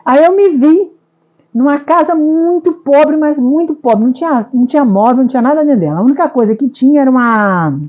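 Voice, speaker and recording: A woman's voice: high voice, brisk, a little mellow, dull audio. A woman with a Brazilian Portuguese accent giving an emotional first-person testimony, rambling and repeating herself with frequent tag questions. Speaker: speaker sharing a personal testimony.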